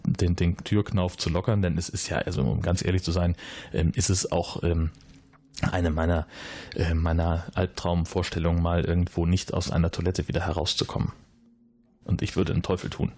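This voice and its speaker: A man plays an evasive, nervous resident of a base in an audio drama, his mellow voice level in tone and normal in speed on a dry recording. He sounds flustered and rambles with lots of hesitations and fillers, his pitch jumping up when he's flustered.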